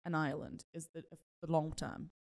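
A British woman with a fairly low voice co-hosts a relaxed podcast. She explains things patiently and chattily, often trailing off and restarting her sentences. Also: normal speed. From United Kingdom. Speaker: co-host. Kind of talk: casual podcast chat.

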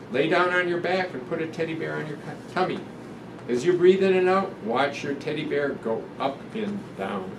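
A man in his seventies, a guest doctor with a fairly high voice, reads a picture book aloud in a gentle, deliberate, instructive manner, leading breathing exercises with pauses between phrases. He sits indoors before a sequined curtain, and the roomy, distant recording carries a noticeable ventilation hum.

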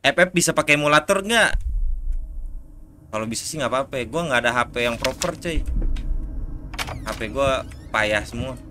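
A man's voice: mid-range voice, lively intonation, moderate pace, long pauses. Indonesian man, gaming commentary, jumpy, swears when scared, noisy background. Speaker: gaming streamer. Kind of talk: casual gameplay commentary.

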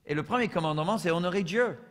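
A high, bright-voiced American man preaches a sermon in a church with a long echo. He moves from quiet, humorous asides to loud, shouted lines. His accent carries through every phrase. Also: fast. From United States. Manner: humorous storytelling. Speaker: pastor.

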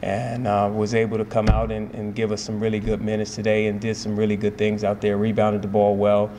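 Speaking at a fairly low pitch, a man in his forties who is a head basketball coach fields post-game press conference questions into table microphones. He sounds measured and steady, with many fillers and repeated phrases. The press room has a sponsor backdrop, and slight background noise can be heard.

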